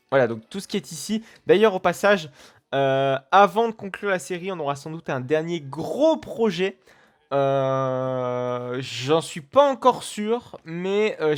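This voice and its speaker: A man hosting a let's play, giving casual, rambling commentary full of fillers and restarts. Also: on the high side.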